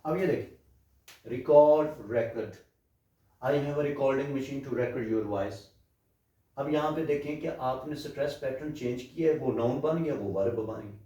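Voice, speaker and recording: A man's voice: medium pitch, moderate pace, dark tone. A man giving a classroom lecture on linguistics. He explains step by step, asks rhetorical questions and slips into English phrases. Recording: very echoey room, mic far off.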